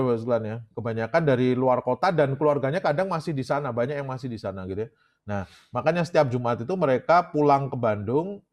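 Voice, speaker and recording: A man's voice: medium pitch, darkish tone. Chatty Indonesian man giving a lecture. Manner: chatty, keeps addressing the audience as "Bapak Sekalian". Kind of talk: casual lecture.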